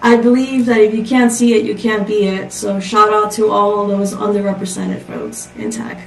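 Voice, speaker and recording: A Costa Rican woman gives a prepared, upbeat tech conference talk packed with rhetorical questions. Her medium-pitched voice moves little in pitch and keeps a normal speed. The recording sounds echoey and distant from the mic, with slight background noise.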